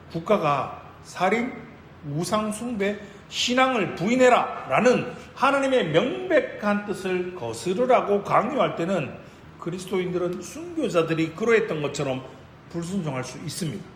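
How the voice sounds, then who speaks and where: Korean pastor preaching with lively pitch. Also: male voice, a little hiss or hum. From South Korea. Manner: emphatic, with slow solemn scripture readings. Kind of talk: sermon. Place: church sanctuary. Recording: echoey room, faint ambience.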